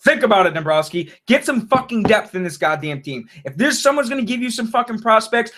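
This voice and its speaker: High-voiced man on a swearing fan rant. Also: big pitch swings, brisk, fairly bright tone. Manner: frustrated, heavy swearing, repeats himself. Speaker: sports fan vlogger. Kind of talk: profane fan rant to camera.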